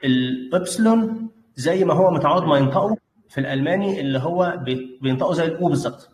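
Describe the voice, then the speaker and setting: A man's voice: on the high side, lively intonation, fast talker, darkish tone. A man with an Egyptian Arabic accent teaching a German lesson, patiently correcting pronunciation by repeating the words. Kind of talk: online language lesson. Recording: roomy with faint background noise.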